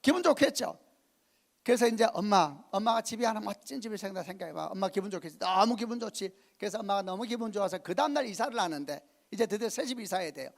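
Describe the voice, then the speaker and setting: A middle-aged male pastor preaching a sermon at a youth camp, telling a story with acted-out dialogue and shouting at the high points. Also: racing, gravelly, few pauses. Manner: animated storytelling, shouting at climaxes, acting out dialogue. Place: church hall at a youth camp.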